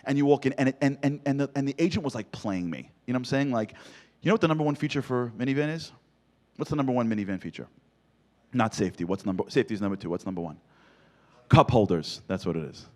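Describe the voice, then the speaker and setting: A man's voice: mid-range voice, racing, darkish tone. A man giving a comic, storytelling motivational speech, punchy and full of rhetorical questions. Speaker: motivational speaker.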